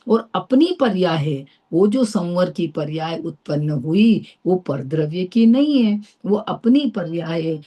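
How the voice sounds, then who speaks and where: A woman's voice: fairly low pitch, warm tone. A middle-aged woman from India teaching a philosophy class, explaining step by step and checking often that her listeners follow. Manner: explains patiently with rhetorical checks.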